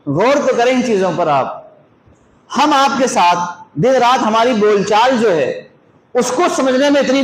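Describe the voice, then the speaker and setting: A man, an Islamic scholar, giving a religious lesson, asking his listeners questions and walking them through examples. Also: sits high. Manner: questions the audience and gives worked examples. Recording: echoey room with faint noise.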